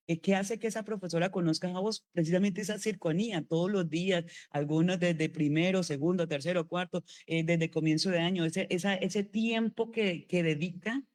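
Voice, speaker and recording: A woman's voice: lowish voice, darkish tone. A middle-aged woman preaching a sermon in a conversational way, often asking rhetorical questions and checking in with her listeners.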